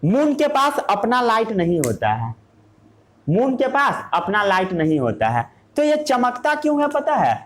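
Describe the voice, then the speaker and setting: A man's voice: extremely high pitch, huge pitch swings, unhurried. A male teacher giving a classroom science lesson. He asks rhetorical questions, answers them himself, and mixes English terms into his Hindi.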